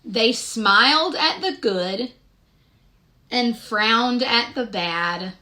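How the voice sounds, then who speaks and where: Reading aloud from a picture book, a woman with a voice on the high side performs expressively and at a measured pace. She pauses to put questions to her young audience.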